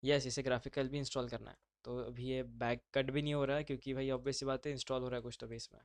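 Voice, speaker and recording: A man's voice: medium pitch, flat delivery, fast, no room sound, studio quality. A man teaching a live online class, talking casually and mixing in English terms. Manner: casual, brotherly, mixes English terms into speech.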